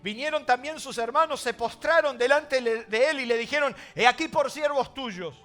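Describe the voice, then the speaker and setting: A man with a Rioplatense Spanish accent preaching a sermon as pastor, swinging between loud emphasis and hushed asides. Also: extremely high pitch, normal speed, faint music behind.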